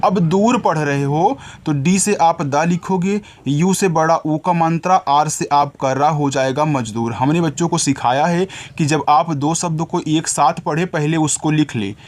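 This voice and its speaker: A man's voice: fairly high pitch, unhurried, few pauses. Man spelling words out for children. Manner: spells words out letter by letter, addresses viewers as children. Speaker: teacher.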